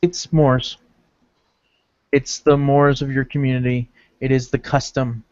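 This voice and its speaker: A man co-hosting a casual podcast, explaining ideas in a measured, lecturing way, on a dull lo-fi recording. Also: mid-range voice, flat delivery, a little mellow, dry recording. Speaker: podcast co-host. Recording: dull lo-fi, dry.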